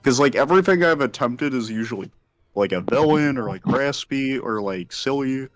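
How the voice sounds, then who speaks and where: A man's voice: mid-range voice, expressive, normal speed. A young man, a voice actor, chatting casually with lots of fillers in a group call.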